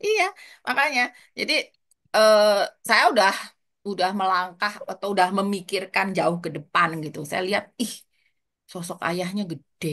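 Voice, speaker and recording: An older woman with a Jakarta colloquial accent, telling lively stories as she gives parenting advice. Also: mid-range voice, moderate pace. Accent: Jakarta colloquial Indonesian. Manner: lively storytelling with quoted asides. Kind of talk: casual advice chat.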